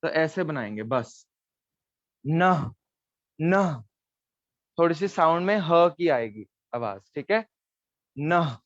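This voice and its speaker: Patient man teaching script, slightly high voice. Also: lively intonation, slow, long pauses, dry recording, lo-fi sound. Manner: patient, explains step by step, checks with "theek hai". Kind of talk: online Gurmukhi lesson at a board.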